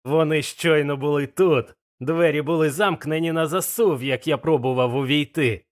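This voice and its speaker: A man voicing a furious blind old male pirate who shouts curses at his gang in a slow, emphatic way. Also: a little high, steady tone, pitched above the performer's own voice, lightly acted.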